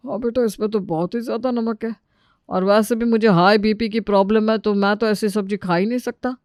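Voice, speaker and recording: A woman's voice: medium pitch, steady tone, a little fast, a little mellow, dry recording, clean studio sound, natural voice. A woman voicing a stern old father-in-law. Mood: calm. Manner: scolding, fatherly. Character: stern older father-in-law with high blood pressure. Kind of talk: cartoon story voice acting.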